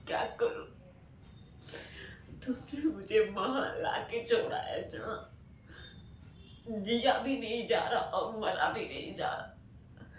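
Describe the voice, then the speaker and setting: A woman auditioning as a heartbroken, rejected young woman, speaking in a pleading, halting, emotional way. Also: on the high side, slight background noise. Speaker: actor auditioning. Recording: roomy, far from mic, faint ambience.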